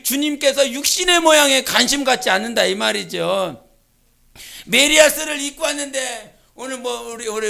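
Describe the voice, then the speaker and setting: A woman pastor preaching a sermon at an evening church service. She moves between soft storytelling and shouted exhortation. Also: fairly high pitch, creaky.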